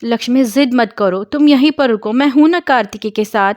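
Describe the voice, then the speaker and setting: A woman reading a story aloud, voicing a playful young man who teases his family and later shouts in panic. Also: a little high, brisk, no echo, lo-fi sound, voice pushed up, lightly acted. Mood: urgent. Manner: teasing, then frantic shouting. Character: young man, joking, protective brother figure.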